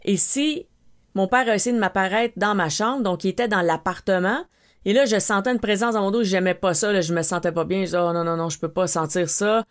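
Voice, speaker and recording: A woman with a Québécois French accent tells a personal story as a podcast host, with a mid-range voice. She retells events in an animated way and acts out her own frightened exclamations along the way. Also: mid-range voice, a little fast.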